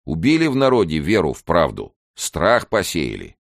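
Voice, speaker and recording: A man's voice: low voice, huge pitch swings, moderate pace, creaky, no room sound, clean studio sound, pitched above the performer's own voice, exaggerated voice. A man voicing a crippled, bitter older village council chairman who talks earnestly and sorrowfully.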